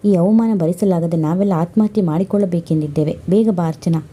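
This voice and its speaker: A woman's voice: on the low side, fairly quick, warm tone, natural voice. A woman voicing a distraught, pleading middle-aged mother in an audio story.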